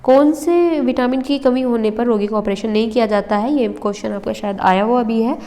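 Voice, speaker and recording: A woman's voice: fairly high pitch, fairly quick, dark tone. A young woman teaching an exam-prep lesson, explaining step by step and checking in with her listeners, with a slight cough now and then. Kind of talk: exam-prep lesson over handwritten notes. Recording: roomy with long reverb.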